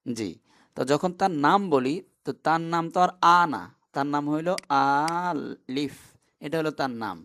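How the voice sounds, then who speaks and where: A man's voice: on the high side, lively intonation, fairly quick, a bit bright. A man teaching an online class, who explains step by step and keeps asking his students questions.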